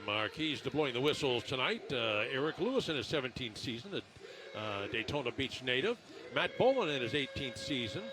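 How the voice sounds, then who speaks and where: Male basketball radio announcer, fairly high voice, conversational and halting pre-game rundown. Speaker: play-by-play radio broadcaster.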